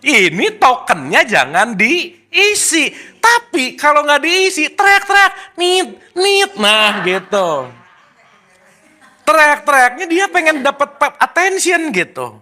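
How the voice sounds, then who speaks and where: A man giving an informal spiritual talk to a group, lively and teasing, full of rhetorical questions. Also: very high voice, takes it slowly. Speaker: spiritual teacher.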